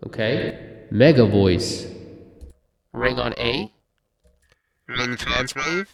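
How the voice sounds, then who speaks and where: A man demonstrating music software, his voice run through a robotic detuner, ring modulator and vocoder effect as he talks casually. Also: deep voice, creaky. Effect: robotic voice effect from a detuner, ring modulator and vocoder plugin.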